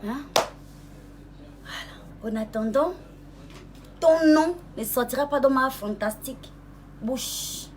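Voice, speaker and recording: A young woman rapper, taunting a rival in a casual live-stream monologue, sweet-talking and mocking and calling her "baby", jumping higher in pitch when she gets worked up. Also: a little mellow, a little hiss or hum. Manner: mocking and sweet-talking, calls the listener "baby", asks "hmm?"; drawls some words slowly, voice jumps higher when angry.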